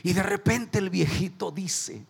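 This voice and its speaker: A Mexican man preaching in church with a slightly high, gravelly voice. He keeps the sermon lively with jokes and has the congregation repeat phrases after him. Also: measured pace. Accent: Mexican Spanish. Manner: animated, joking, urges the congregation to repeat phrases. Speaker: pastor. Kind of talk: sermon with jokes and call-and-response.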